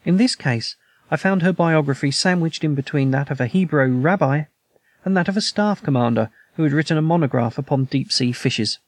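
Guy narrating an old detective story, kinda high voice, dry close mic. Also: brisk, no room sound. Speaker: audiobook narrator. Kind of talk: scripted narration.

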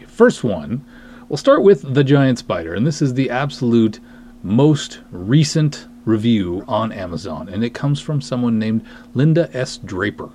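In this podcast monologue, the host, a writer and director, mixes wry, self-deprecating chat with emphatic, dramatic readings of reviews. He speaks in a mellow, mid-range voice. Slight background noise can be heard.

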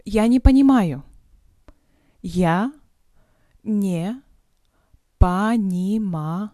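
A language teacher runs a vocabulary drill very slowly and deliberately, carefully pronouncing each phrase before breaking it down word by word and repeating it. Her mid-range voice is soft and mellow, recorded close and dry.

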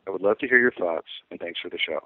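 A man's voice: deep voice, fast talker, no echo. A man calling in with a voicemail question, reading it out over the phone as a caller. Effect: voicemail played back over a phone line. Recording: tinny phone-line voicemail.

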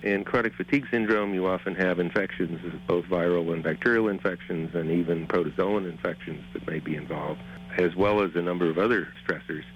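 A man with a lowish voice speaks as an academic guest, laying out his explanation methodically. The sound is dull, with faint noise behind it. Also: fairly even intonation, a little fast. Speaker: biochemistry professor, interview guest. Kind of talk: explanatory expert interview.

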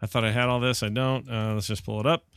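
Male podcast host, mid-pitched, dry close mic, jokey email reader. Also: little pitch movement, quick pace, gravelly, a bit bright, clear, resonant tone, no echo. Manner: jokey, reads emails aloud with a lifted voice. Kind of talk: casual podcast chat, reading listener emails.

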